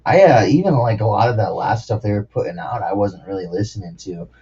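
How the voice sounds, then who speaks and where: A man's voice: fairly low pitch, animated, a little fast, a little mellow, slightly rough. A man hosting a casual podcast chat, laid-back and casually swearing. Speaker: podcast host. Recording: muffled lo-fi podcast audio.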